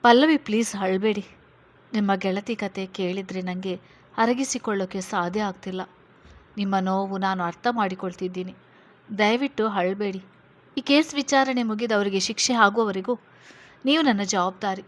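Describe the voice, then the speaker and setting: A woman voicing a protective male police officer who reassures a frightened witness in a steady, firm way. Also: mid-range voice, moderate pace, close to an everyday voice. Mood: reassuring.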